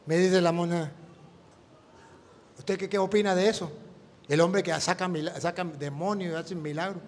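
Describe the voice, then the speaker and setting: A priest preaches with a fairly high, animated voice, acting out the dialogue of his story as he goes. His words ring out with a long reverb, as in a big church hall. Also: normal speed. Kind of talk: sermon with storytelling.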